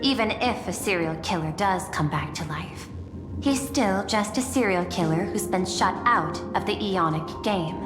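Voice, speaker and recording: An actress voices a cool, calculating AI chief executive in a game, delivering dramatic lines in a formal, composed, precise way with a dry, teasing edge. Her voice sits on the low side and reverberates as if in a large hall.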